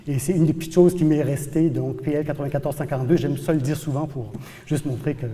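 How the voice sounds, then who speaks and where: Man, professor giving a lecture, emphatic, fairly high voice, mellow tone. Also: fast. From New Brunswick, Canada. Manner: animated, emphatic explaining, repeats for stress. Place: lecture hall. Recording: long hall reverb.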